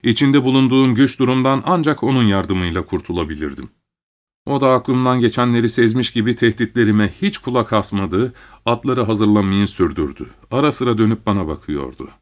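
A man narrating a literary story in the first person, reading at a measured pace. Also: mid-range voice, animated.

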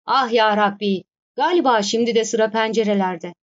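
A woman's voice: on the high side, moderate pace, natural voice. Exasperated male poet read by a woman narrator, storybook figure, sighing complaints, dull-toned recording. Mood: dismayed. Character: frustrated struggling male poet playwright. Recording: slightly dull recording, faint music.

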